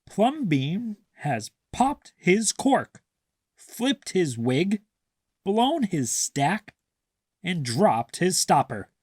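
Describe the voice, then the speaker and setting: A man's voice: high-pitched, sing-song, very slow, slightly rough, dry recording, studio quality, voice pushed up, full character voice. A man voicing scandalized, indignant townspeople from a storybook, with emphatic, exclaiming phrasing. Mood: scandalized, mocking. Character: indignant, scandalized neighborhood crowd of ordinary townspeople. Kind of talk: storybook character voice.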